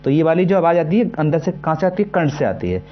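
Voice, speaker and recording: A man teaching an exam-prep lesson, repeating himself often and slowly sounding out syllables to demonstrate them. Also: a little high, sing-song, dull audio, slight background noise. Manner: repetitive, keeps asking "है ना" and "ठीक है".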